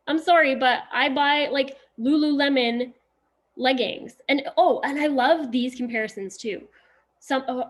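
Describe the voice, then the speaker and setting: A woman leading a casual sales coaching session on a video call, chatty and upbeat, with lots of fillers and laughs. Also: on the high side. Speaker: sales trainer on a group call.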